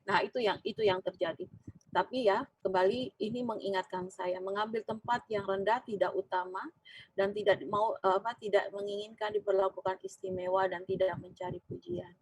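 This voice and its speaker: A woman's voice: medium pitch, expressive, brisk, vocal fry, slightly rough, no echo, rough recording. A woman giving a sermon at a prayer fellowship, telling a personal workplace story with many fillers and acted-out dialogue. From Indonesia. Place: church fellowship room.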